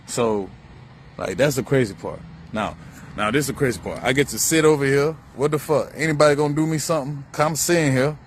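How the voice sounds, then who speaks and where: This vlogger speaks a little fast in a medium pitch, delivering a profane, wandering monologue about spirituality. He repeats himself as his mind drifts, recorded outside next to a busy road with faint traffic going by.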